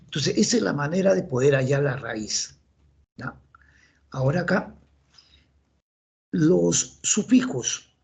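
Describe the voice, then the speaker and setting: A male teacher with a Peruvian Spanish accent lectures on grammar in a gravelly, slightly raised voice. He quizzes himself aloud and answers in the voices of his students. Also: on the high side, animated, slow, pauses often, darkish tone.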